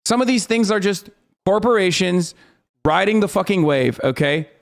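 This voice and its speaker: A man's voice: high-pitched, animated, moderate pace, vocal fry. A man in his thirties ranting with exasperation as he reacts to a clip on a livestream, swearing often and slipping into mocking outrage. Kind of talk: casual livestream reaction commentary.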